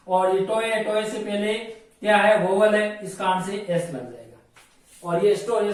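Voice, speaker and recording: A male grammar teacher, explaining rules slowly in a classroom lesson and spelling words letter by letter. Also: high-pitched. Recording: very echoey room, from far off.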